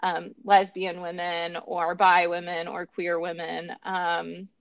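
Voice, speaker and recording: A woman's voice: on the low side, completely flat delivery, slow pace, vocal fry, smooth, dry recording, lo-fi sound. A woman chatting casually about a film, thinking aloud with many fillers and restarts.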